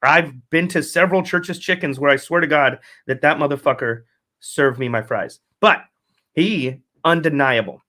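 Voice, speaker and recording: Male host, slightly high-pitched, casual solo rant, heavy swearing, rambles and backtracks. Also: moderate pace, pushed and bright. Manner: profane, rambling, self-correcting. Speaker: fantasy football podcast host.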